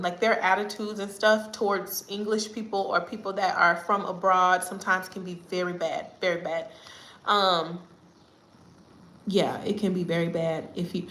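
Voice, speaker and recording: Lively woman chatting in an echoey room. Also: mid-range voice. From United States. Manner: animated and chatty, often laughing. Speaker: vlogger. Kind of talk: casual storytelling chat. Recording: roomy echo.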